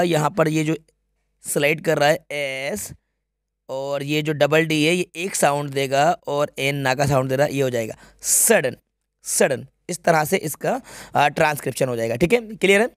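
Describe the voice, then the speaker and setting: Speaking a little high, a male instructor takes students through an English grammar exam paper step by step, frequently checking their understanding. The recording is studio quality with no echo.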